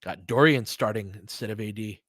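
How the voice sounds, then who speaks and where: A fairly low, slightly bright male voice, speaking a little quickly with no room sound, belongs to a sports podcast host and live play-by-play commentator. He chats casually with listeners on his stream, giving analysis in a thoughtful, somewhat hesitant, conversational manner.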